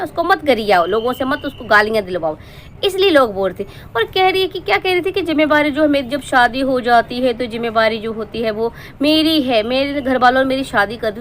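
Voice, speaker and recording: A woman from Himachal Pradesh with a fairly high voice delivers a sarcastic, lecturing roast to camera. She scolds her target in a steady stream of reaction commentary. A faint ambient hum sits behind her.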